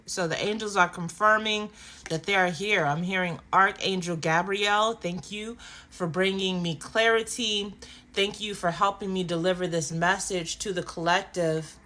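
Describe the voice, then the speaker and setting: A woman doing a spiritual card reading for her viewers, affirming and animated, often checking in with "okay?" and yawning now and then. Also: medium pitch. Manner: animated, affirming, frequent "okay?" tag questions. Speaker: tarot and oracle card reader.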